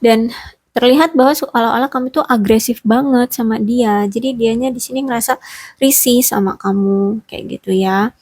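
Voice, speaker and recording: Woman, relationship reading, slightly high voice, dry close sound, rambling with fillers. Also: moderate pace, a little mellow, dry recording. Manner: rambling, many fillers and self-corrections; speaks directly to the listener.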